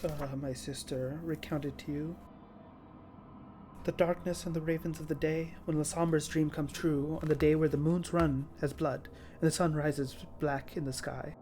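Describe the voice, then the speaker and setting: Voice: medium pitch, fairly even intonation, normal speed, dark tone, close to an everyday voice. Someone voicing a suave menacing vampire villain, noisy recording. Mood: solemn, reciting. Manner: formal, condescending, theatrical recitation. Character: suave menacing male vampire villain, courteous, zealous, lurking in darkness. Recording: clearly audible background noise.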